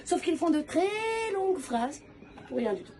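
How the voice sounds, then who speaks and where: A woman from Tunisia doing a stand-up comedy routine in a restaurant, telling stories in a lively way. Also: sits high, normal speed, recorded from a distance. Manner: lively storytelling, playing characters. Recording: live show with audience laughter.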